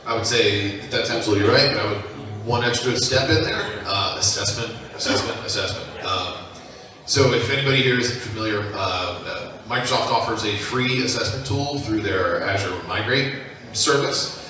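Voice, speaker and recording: On a conference panel in a large hall, an American man from the United States speaks hesitantly at a normal speed, his voice on the low side and full of fillers. The recording is echoey, with a distant mic and a crowd behind him.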